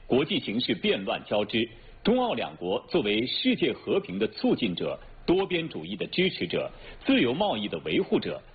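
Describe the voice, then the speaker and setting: A man reading scripted news as an anchor in standard mainland Mandarin, formal, measured and precise. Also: mid-range voice. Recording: tinny narrowband broadcast with faint noise.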